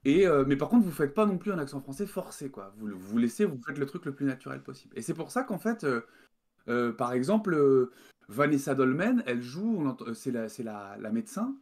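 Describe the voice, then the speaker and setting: French dev guy on a video call, lots of euh and restarts, mid-pitched voice. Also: very animated, brisk, a little mellow. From France. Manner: hesitant, many fillers and restarts. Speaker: game developer guest. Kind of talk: casual interview talk.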